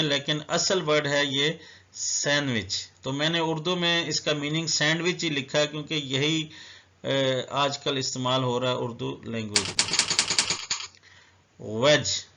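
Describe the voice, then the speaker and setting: A man's voice: on the high side, sharp tone, dull audio. A man teaching a vocabulary lesson. He spells each word letter by letter and explains what it means. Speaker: English teacher. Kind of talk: slow, deliberate vocabulary lesson.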